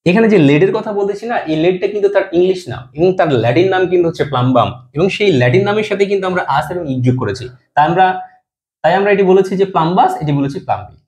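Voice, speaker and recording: A man's voice: sits high, animated, racing, darkish tone. A man teaching a chemistry lesson, explaining step by step and answering his own questions, dropping his voice at the end of each compound name.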